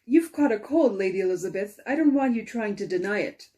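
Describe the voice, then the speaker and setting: A woman voicing a concerned, suspicious knight in a storybook tale, speaking formally with gentle, insistent scolding. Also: mid-range voice, animated, a little fast, highs cut off, lightly acted.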